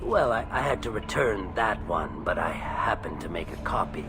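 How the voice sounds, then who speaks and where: A man's voice: lowish voice, very animated, normal speed, noisy background. A man voicing a shifty, nervous alien merchant in a video game, with a slippery, theatrical and ingratiating manner. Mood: sly, wheedling.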